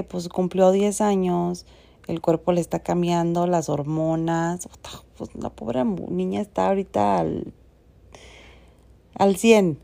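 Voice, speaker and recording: A woman's voice: fairly low pitch, vocal fry, dark tone. A Mexican woman in her thirties telling a personal story on her podcast, frank and chatty with casual swearing. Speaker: podcast host.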